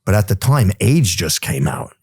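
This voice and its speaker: A deep, slightly rough voice belongs to a New York man in his forties telling past stories as a guest, at a moderate pace. His streetwise, animated delivery keeps returning to "bro" and "you know," captured dry with clean studio sound.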